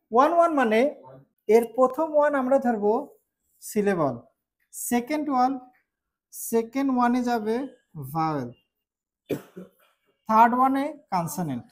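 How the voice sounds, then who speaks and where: A woman from Bangladesh teaching an English spelling rule, explaining slowly, repeating key points and checking that students follow. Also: a little high, darkish tone. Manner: slow, repetitive explaining with check-in questions. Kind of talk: classroom spelling lesson.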